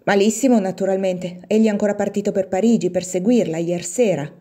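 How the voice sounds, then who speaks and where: A woman's voice: medium pitch, steady tone, fairly quick, mellow, natural voice. A woman reading the part of a stubborn young woman with a slightly hard voice, in a storybook reading. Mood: curt.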